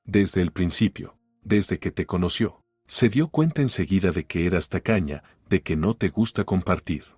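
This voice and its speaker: A man's voice: low-pitched, lively intonation, moderate pace, a little mellow, breathy edge, no echo, clean studio sound. A man voicing an entitled young husband who talks down coldly and with scorn, in an audiobook story reading. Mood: scornful. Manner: cold and scornful.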